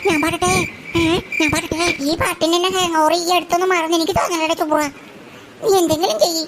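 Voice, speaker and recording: A dubber voicing cartoon schoolkids and a teacher in a comic dub, teasing and exclaiming with loud bursts. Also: extremely high pitch, fairly even intonation, fast, background noise. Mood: mocking. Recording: loud background music.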